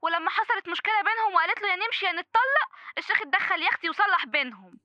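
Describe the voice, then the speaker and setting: A woman's voice: extremely high pitch, expressive, racing, no room sound. A woman playing a sassy, scheming Egyptian sidekick, sly and gossipy, in a radio comedy, with slightly dull, limited sound. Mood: conspiratorial. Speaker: actress in a radio serial.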